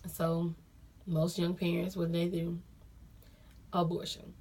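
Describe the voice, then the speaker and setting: A woman's voice: lowish voice, monotone, slow pace, a little mellow. Young woman, casual storytime vlogger, talks straight to viewers, repeats lines for emphasis. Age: young adult. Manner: chatty, addresses viewers as y'all, repeats phrases for emphasis.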